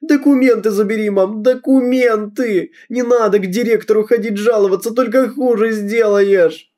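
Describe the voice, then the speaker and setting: A man's voice: expressive, normal speed, dark tone. A man voicing a sobbing teenage schoolgirl. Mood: hysterical. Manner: sobbing, pleading, high strained delivery. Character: tearful teenage schoolgirl, desperate and pleading.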